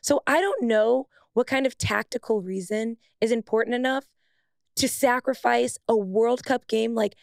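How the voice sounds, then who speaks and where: A young woman co-hosting a casual sports podcast, animated and emphatic, laughing often. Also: on the high side, normal speed, creaky, dry recording, clean studio sound. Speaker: podcast co-host, former pro soccer player. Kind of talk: casual chat.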